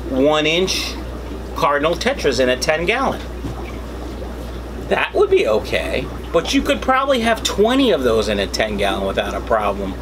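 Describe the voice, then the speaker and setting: A middle-aged man hosting a debunking vlog in a casual, opinionated way, explaining informally to the camera. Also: mid-range voice. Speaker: host of a fishkeeping channel. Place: small indoor fish room full of tanks. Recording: steady background hum and noise.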